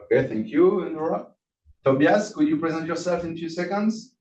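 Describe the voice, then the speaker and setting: A man hosting and lecturing an online class, friendly and halting with many restarts, on a video call. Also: a little high, darkish tone, a little hiss or hum. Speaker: course lecturer and host. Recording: distant, roomy, dull video call audio.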